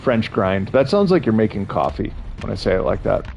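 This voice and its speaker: A man's voice: fairly low pitch, very animated, fairly quick, vocal fry, darkish tone. A young man chatting casually with his stream chat while playing, rambling and amused at himself. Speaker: gaming streamer. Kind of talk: casual gameplay commentary. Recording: slightly dull, faint game noise.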